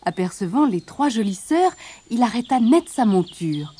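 Expressive woman reading a fairy tale. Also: a little high, moderate pace, husky. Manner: expressive, lilting. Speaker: storyteller. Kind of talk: storybook narration.

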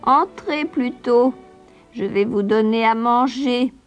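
A woman voicing a wicked, half-blind old witch with a shrill, drawn-out, scolding voice. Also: muffled recording, soft background music. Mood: sweet luring.

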